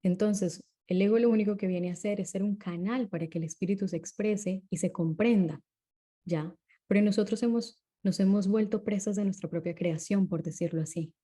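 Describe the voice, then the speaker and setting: Her voice is mellow, warm, and mid-range as she speaks as a guest in an interview. She explains things calmly and steadily, often using tag questions to make sure the listener is following along.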